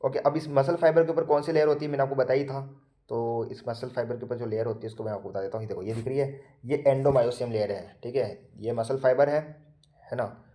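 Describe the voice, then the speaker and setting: A man's voice: medium pitch, fairly even intonation, fairly quick, warm tone. Man tutor quizzing himself, echoey room. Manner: asks and answers his own questions. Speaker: nursing tutor. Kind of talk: casual lecture explaining diagrams.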